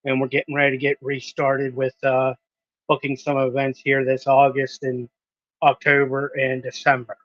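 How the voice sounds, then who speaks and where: A man's voice: medium pitch, completely flat delivery, moderate pace, fairly bright tone, no echo, dull audio. A man in his thirties, a wrestling promoter, talking in a casual podcast interview with hesitant ums and restarts. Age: 30s.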